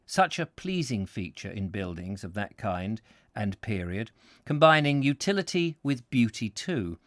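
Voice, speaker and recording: A man's voice: mid-range voice, fairly bright tone, dry recording, studio quality. A man reading an old travel book aloud in a live stream, breaking off for chatty, self-deprecating asides to viewers.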